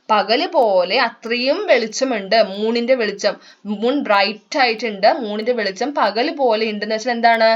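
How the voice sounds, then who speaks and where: A woman teacher with a Malayali accent walks young pupils through their lesson. She reads each English line slowly, then explains it with plenty of questions to the class. Her voice sits a little high, and the recording is a bit dull and lo-fi.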